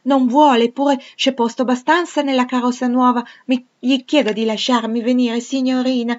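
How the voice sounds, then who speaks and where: A woman voicing an eager little French girl who pleads in a high, excited voice. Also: moderate pace, lo-fi sound, natural voice. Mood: pleading.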